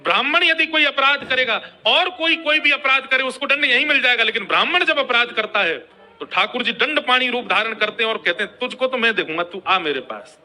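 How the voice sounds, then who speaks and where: A man's voice: very high voice, brisk, pushed and bright, faint music behind. A man preaching a devotional story sermon, telling it dramatically and chanting verses.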